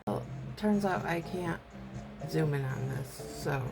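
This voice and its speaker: A woman with a low voice and a heavy smoker's rasp, thick with creak. She talks slowly through an amateur tutorial in a casual, rambling, self-effacing way. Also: loud music behind the voice, poor audio. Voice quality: rough, raspy smoker's voice. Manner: rambling, self-deprecating, loses train of thought. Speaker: amateur nail tutorial host. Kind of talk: casual hands-on tutorial chat.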